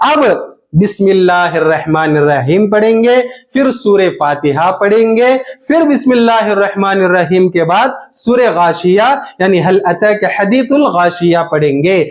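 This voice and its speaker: A man's voice: high-pitched, expressive. A man, patiently explaining step by step how to perform a prayer. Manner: slow, patient explaining with drawn-out takbirs. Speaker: religious teacher.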